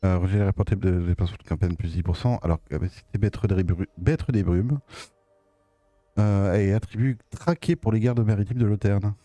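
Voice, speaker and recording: A man's voice: fairly low pitch, fairly even intonation, moderate pace, warm tone, no echo. A man with a Belgian French accent giving casual, somewhat hesitant live commentary as a game streamer.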